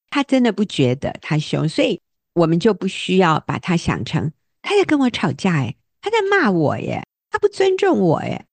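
Animated low-voiced woman co-host. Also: no room sound. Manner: animated, acts out quoted dialogue with laughs. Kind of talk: conversational counsel talk.

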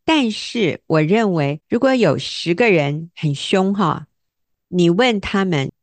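A woman with a lowish voice gives counsel on a faith talk show. She tells her stories with lively energy and acts out the lines she quotes. The sound is dry and close. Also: slow pace, no room sound. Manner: animated, acts out quoted dialogue with laughs.

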